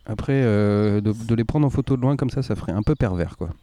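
A man's voice: on the low side, a little fast, mellow, slight background noise. A man from co-hosting a podcast, chatting casually, self-mocking and laughing, swearing offhandedly. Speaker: podcast co-host. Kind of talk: casual chat.

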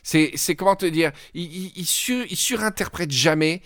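A man's voice: a little high, moderate pace, fairly bright tone, no echo, studio quality. A man from France hosting a casual podcast recap, chatty and opinionated, with laughing asides. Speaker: podcast host.

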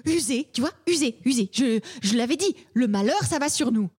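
A woman improvises a jittery, superstitious woman in a comedy sketch. She sounds high and keeps fretting that misfortune is coming. Her worry never lets up. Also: animated, normal speed, a little mellow, slightly rough. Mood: fretful. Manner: fretful, full of foreboding. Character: anxious superstitious woman who trusts her horoscope.

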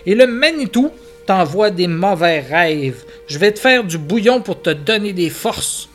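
A man doing a calm, soothing woodsman. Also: sits high, unhurried, faint music behind. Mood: reassuring. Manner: steady, soothing reassurance. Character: calm male native woodsman, patient caregiver.

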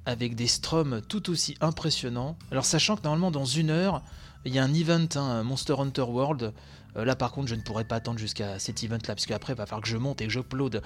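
A man hosting a video game news show from home, commenting live on trailers in a casual, excited, slangy way. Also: medium pitch.

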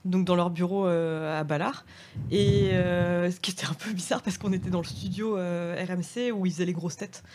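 A woman's voice: fairly low pitch, steady tone, normal speed, background noise. A woman from France talking casually as a guest on a chat show, laughing often and trailing off with fillers.

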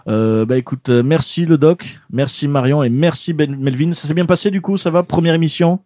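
A man hosts a relaxed radio chat show from a studio, his voice warm and mellow. He talks loosely, full of fillers and false starts, and the sound is close and dry. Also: on the high side, a little fast, no echo. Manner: chatty, lots of fillers and restarts.

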